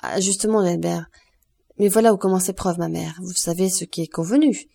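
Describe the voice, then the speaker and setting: A woman's voice: lowish voice, steady tone, brisk, gravelly, dark tone. A woman voicing an earnest young man who is a devoted son, in an audiobook reading. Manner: earnest, persuasive, forced cheer.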